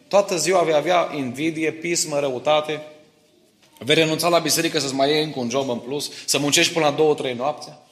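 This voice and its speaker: Speaking from the pulpit of a reverberant church hall, a middle-aged man with a fairly high voice delivers a sermon. He mixes personal family anecdotes with Bible teaching, frequently checking that his listeners agree and follow him.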